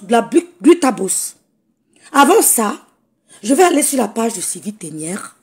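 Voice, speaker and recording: A woman with a hoarse, croaky voice, chatting casually on a phone live stream and greeting viewers by name. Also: on the high side.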